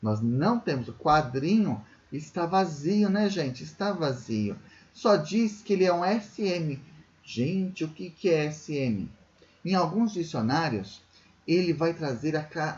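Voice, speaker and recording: Brazilian male primary teacher, slow patient explainer, animated pitch, muffled recording. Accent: Brazilian Portuguese. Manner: patient, drawn-out explaining with frequent tag questions. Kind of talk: explaining a workbook to children.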